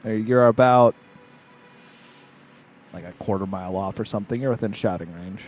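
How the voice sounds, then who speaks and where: A man's voice: on the low side, moderate pace, soft background music. A man narrating a tabletop role-playing game casually as its game master.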